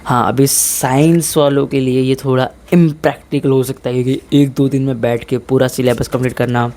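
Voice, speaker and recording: A man's voice: medium pitch, level tone, normal speed, a little mellow. Easygoing young man giving blunt advice. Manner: informal, mixes English in, says "bhai" a lot. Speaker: fitness vlogger. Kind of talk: casual advice talk.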